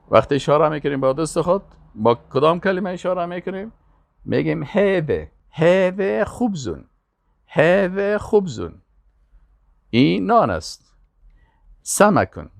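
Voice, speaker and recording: Lively male Arabic teacher. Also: on the high side, creaky, no room sound. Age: older. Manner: pronounces each word slowly and loudly, then quickly explains. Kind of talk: classroom vocabulary lesson.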